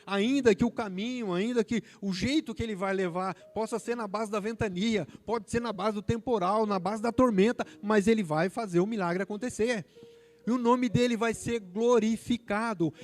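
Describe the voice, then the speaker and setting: High-voiced Brazilian preacher, fervent. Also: male voice, normal speed, a little mellow. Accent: Brazilian Portuguese. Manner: fervent, building to emphatic peaks. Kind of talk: sermon.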